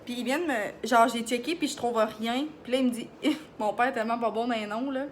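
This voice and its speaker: A young woman with a Beauce Quebec accent chatting to camera in a fast, excited way, full of fillers. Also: on the high side, slight background noise. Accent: Beauce Quebec French. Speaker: vlogger. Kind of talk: casual chat to camera.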